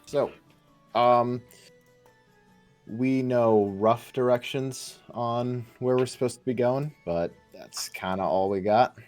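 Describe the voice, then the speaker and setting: A man playing a tabletop game who speaks in a hesitant, halting way. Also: medium pitch, steady tone, a little mellow, soft background music. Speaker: player. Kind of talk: in-character tabletop play.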